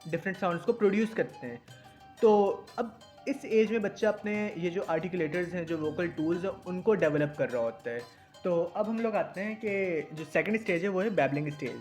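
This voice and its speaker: A man's voice: high voice, a little fast, a little mellow, soft background music. A young man teaching in a casual discussion, explaining step by step and often checking that listeners follow. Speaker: teacher explaining language acquisition.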